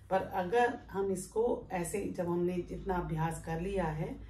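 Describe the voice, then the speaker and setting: A woman yoga teacher giving a calm, step-by-step breathing lesson while she demonstrates it. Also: on the low side. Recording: echoey room with faint background noise.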